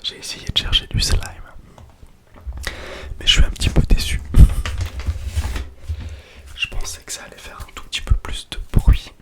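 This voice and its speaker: A man whispers a casual ASMR chat very close to the mic, hushed as if quiet at night, with soft breath and lingering repeated words. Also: moderate pace, pauses often. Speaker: ASMR content creator. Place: small home toilet room, indoors. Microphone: close sensitive microphone without windscreen.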